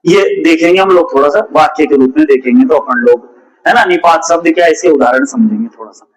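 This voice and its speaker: A man's voice: fairly high pitch, fast talker, rough recording. A man giving a grammar lesson, repeating points and asking his students rhetorical questions. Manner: repetitive, asks rhetorical questions. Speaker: Hindi teacher. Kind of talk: classroom-style grammar lesson.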